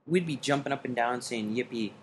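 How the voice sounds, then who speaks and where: A man's voice: on the high side, lively intonation, normal speed, fairly bright tone, a little hiss or hum. An American man co-hosting an emergency medicine podcast, talking in a wry, conversational way with folksy turns of phrase. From United States. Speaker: emergency physician podcast co-host. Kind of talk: casual medical discussion.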